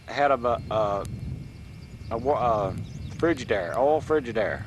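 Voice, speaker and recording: A man's voice: mid-range voice, expressive, slow. A middle-aged man with a rural Southern American accent, chatting casually and narrating a home video in a folksy country drawl. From rural southern United States. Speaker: father filming a home-video tour of family farmland. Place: outdoors on a windy ridge and farm. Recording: windy, very noisy 1980s camcorder audio.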